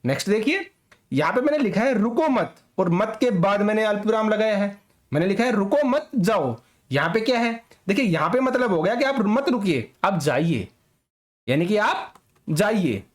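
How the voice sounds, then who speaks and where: A man's voice: high voice, animated, brisk. A man teaching an exam preparation lesson, explaining step by step, asking and answering his own questions, and adding frequent checks after each point. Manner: mixes English words into Hindi. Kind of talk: classroom-style lecture.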